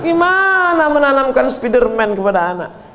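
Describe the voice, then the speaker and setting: A man's voice: extremely high pitch, moderate pace, some chatter behind. A man preaching a sermon, telling stories and acting out the voices of the people in them. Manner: animated storytelling, acting out quoted voices.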